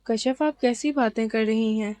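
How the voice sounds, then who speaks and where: A woman's voice: on the high side, warm tone, dry recording, lightly acted. A woman reading as a tender husband who reassures his wife.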